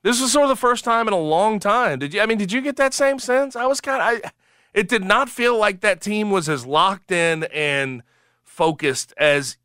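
A man's voice: high voice, moderate pace, pushed and bright, clean tone, no echo. A man hosting a sports talk radio show in a radio studio, chatty and emphatic.

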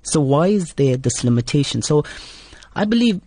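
Speaking at normal speed, a man with a slightly high, sing-song, warm voice and a South African Indian accent answers interview questions. As a comedian and actor being interviewed, he comes across as earnest, emphatic, and conversational.

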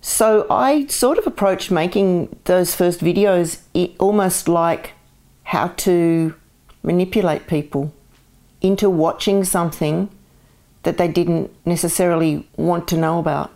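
A Scottish artist, appearing as a guest in a casual conversational interview, speaks frankly and with humour, sharing strong opinions and laughing often. Her voice is low and dark-toned, with vocal fry and a measured pace.

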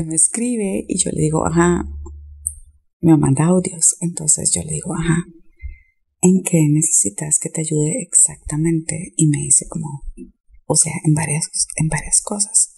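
A woman with a low, husky voice and a gravelly edge tells a playful story, laughing often as she goes. Her tone is mellow and soft, slipping into a flirty hush. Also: normal speed. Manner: giggly, laughs often while talking. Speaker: storyteller sharing a confession. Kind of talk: playful storytelling with quoted dialogue.

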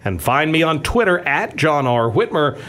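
A man's voice: a little high, big pitch swings, normal speed, a bit bright. A man hosting a radio talk show, reading a scripted introduction. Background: music bed.

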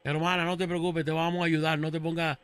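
A man's voice: on the high side, flat delivery, fast, a bit bright, clean tone, no room sound, soft background music, pitched below the performer's own voice, close to an everyday voice. Man playing a theatrical faith healer. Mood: soothing. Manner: calls everyone brother and sister, chants incantations. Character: grandiose male faith healer, theatrical preacher. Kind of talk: comedy radio sketch.

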